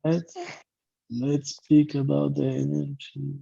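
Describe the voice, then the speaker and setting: A man's voice: fairly high pitch, completely flat delivery, slow pace, creaky, warm tone, husky, highs cut off. A man with a loose, blunt manner, filler-heavy and repetitive, giving an online class as a life coach over a video call.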